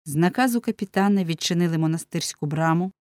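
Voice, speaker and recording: A woman reads a storybook aloud in a measured, solemn voice. Her tone is fairly low, and the recording is dry and close, with no room sound. The narration moves steadily. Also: a little mellow, clear, resonant tone, dry recording. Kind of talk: audiobook narration.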